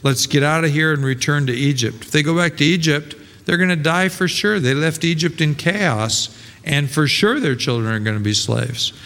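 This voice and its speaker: A man's voice: a little high, fairly bright tone. A male pastor preaching a sermon in a conversational way, full of rhetorical questions and restarts. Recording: long hall reverb.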